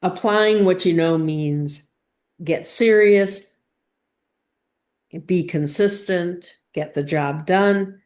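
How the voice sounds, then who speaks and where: A woman whose voice is lowish and somewhat dark leads a spiritual lesson. She chooses her words carefully, speaking in halting bursts, with emphatic pauses and questions that guide.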